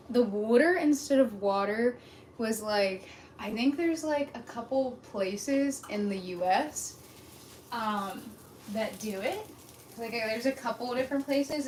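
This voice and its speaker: A woman's voice: on the high side, animated, unhurried, a little mellow, echoey room, a little hiss or hum, low-quality recording. A Pennsylvania woman with a Pittsburgh accent chatting casually on a live stream while she cooks at home, rambling with lots of fillers. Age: adult with a child. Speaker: cooking vlogger. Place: home kitchen.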